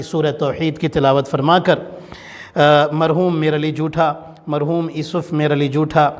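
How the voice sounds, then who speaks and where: A man leading a mourning gathering, preaching with passion and rising into a wailing chant. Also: on the high side. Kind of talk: Urdu majlis sermon with mourning recitation. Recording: long hall reverb.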